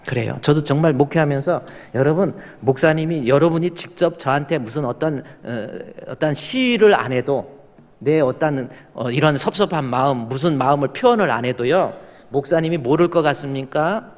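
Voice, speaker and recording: In a church sanctuary, a Korean-accented male pastor preaches at a normal pace in a fairly high voice. He tells folksy stories and acts out little scenes of his church members. The large hall gives the sound a long reverb.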